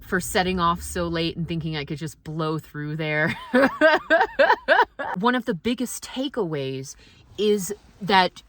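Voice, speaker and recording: A woman vlogger giving a casual, motivational monologue, speaking candidly and reflectively with halting pauses. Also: fairly low pitch, a bit bright.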